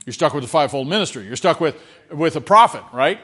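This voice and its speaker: Fairly high-voiced man preaching. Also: lively intonation, fast, husky. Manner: conversational, checks in with the congregation; swings between loud emphasis and quiet asides. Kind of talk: sermon.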